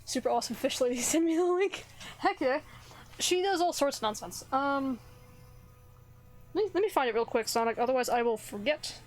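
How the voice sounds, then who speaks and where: A woman's voice: sits high, expressive, a little fast, long pauses. A woman streamer chatting casually with viewers while she plays a video game. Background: faint game music.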